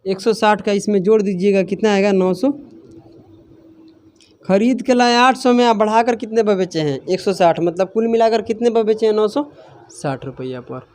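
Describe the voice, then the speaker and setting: A man's voice: sits high, normal speed, a little mellow. A man teaching a maths class, who keeps asking his students questions and answers them himself. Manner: scolds students for laughing.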